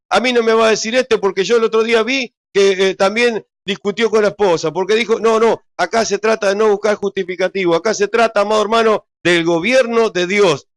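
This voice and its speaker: A man preaching a sermon as pastor, retelling scripture in a conversational way and speaking straight to his congregation. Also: high-pitched.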